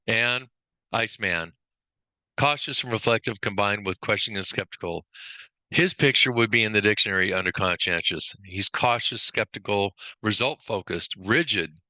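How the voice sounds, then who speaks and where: A male workplace trainer speaks on the low side with a sharp tone and moderate pace, recorded dry. During his informal lesson he rattles off trait lists and occasionally makes quick self-corrections.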